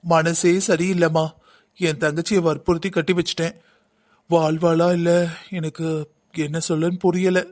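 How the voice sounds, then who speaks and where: A man voicing a troubled older brother in a cartoon who speaks slowly and heavily. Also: on the high side, little pitch movement, a little mellow, close to an everyday voice. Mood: worried. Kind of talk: cartoon dialogue.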